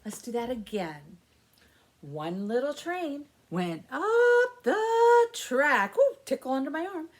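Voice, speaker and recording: A very animated woman in her fifties, with a high voice and slow pace, hosts a baby story time at the library, speaking and chanting rhymes and songs in a strongly sing-song way. Faint background noise is audible in the small room, which has an alphabet backdrop.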